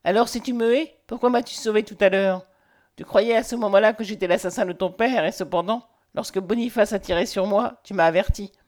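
A woman's voice: mid-range voice, fairly quick, a little mellow, lightly acted. A woman playing a passionate, domineering man in a storybook reading, close to the reader's own voice. He speaks with urgent, commanding ardour, pressing every question. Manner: impassioned, commanding. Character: ardent, domineering man declaring his love.

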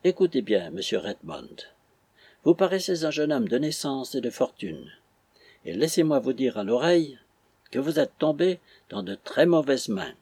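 A shrewd, blunt stableman gives fatherly advice, as a man plays him in a husky, low-key voice. The reading sounds dry and close. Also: big pitch swings, moderate pace, mellow, no echo. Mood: confiding. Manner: confiding, advising.

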